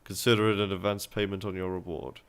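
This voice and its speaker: Voicing a scheming middle-aged male merchant from a game's town, a man reads the lines aloud with put-on accents, sounding persuasive and businesslike. He delivers them fast and flatly in a low, smooth voice.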